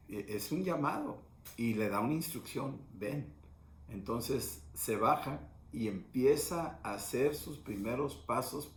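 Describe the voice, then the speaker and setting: A middle-aged man pastor, teaching in a steady, explanatory conversational sermon. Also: mid-range voice. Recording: echoey room with faint noise.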